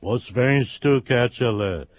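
A gentle horse speaks loudly and kindly with a lilt, breaking into a high whinny. A man voices it in a storybook tale. The voice is husky and dry. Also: slow pace, dry recording. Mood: teasing. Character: gentle old horse, calm and helpful.

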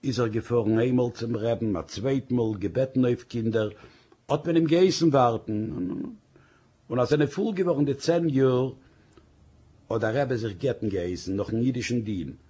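A man reading a story aloud in an expressive storytelling manner. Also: mid-range voice, moderate pace, husky.

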